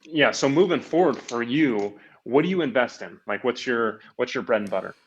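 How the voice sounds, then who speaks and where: A man's voice: mid-range voice, expressive, normal speed, breathy edge. A man hosting a podcast, talking in a rambling, hesitant way with many filler words. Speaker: podcast host. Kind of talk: casual interview chat. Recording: dull lo-fi audio.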